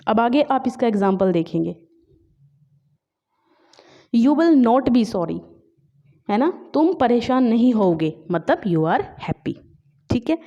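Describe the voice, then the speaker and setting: A woman teaching English literature for exam prep, explaining in Hindi mixed with English, often checking in with "है ना?" and reading English examples slowly. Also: fairly high pitch, very animated, mellow. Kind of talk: online exam-prep class. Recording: dull lo-fi recording.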